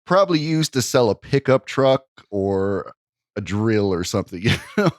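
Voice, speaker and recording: A man's voice: on the low side, sing-song, moderate pace, no room sound, clean studio sound. A man co-hosting a comedy podcast, talking in an easygoing way and chuckling between phrases. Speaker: podcast co-host. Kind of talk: casual chat.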